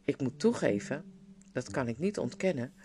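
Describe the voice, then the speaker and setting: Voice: medium pitch, lively intonation, moderate pace, a little mellow, close to an everyday voice. A reader voicing an elderly male scholar who speaks formally and sounds let down, with guitar music underneath. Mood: dejected.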